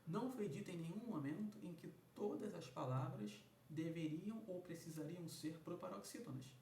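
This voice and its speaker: A man teaching an exam review lesson, who slows down and stresses words loudly when breaking them into sounds. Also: gravelly. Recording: echoey room, mic at a distance, faint rumble.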